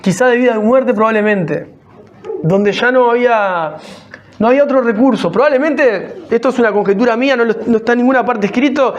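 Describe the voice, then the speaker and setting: A man's voice: very high voice, a little fast, highs cut off. Pastor, man, chatty sermon delivery that builds up, restarts his phrases often. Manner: conversational preaching, rising to emphatic; frequent self-corrections and restarts.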